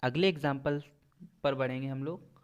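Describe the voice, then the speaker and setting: A man teaching English poetic devices in Hindi, reading out English examples slowly and then explaining them, often asking a question and answering it himself. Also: medium pitch, fairly even intonation, smooth. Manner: asks and answers his own quiz questions.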